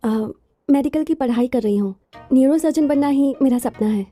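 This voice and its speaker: A spirited young heroine. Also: female voice, sits high, normal speed, warm tone, soft background music. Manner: indignant, spirited. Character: spirited young woman, medical student. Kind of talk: dubbed film dialogue.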